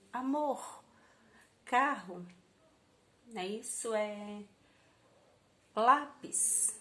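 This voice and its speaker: A woman's voice: medium pitch, slight background noise. A Brazilian woman primary school teacher giving a recorded class to young children, stretching out key words syllable by syllable in a patient, sing-song teaching voice. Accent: Brazilian Portuguese.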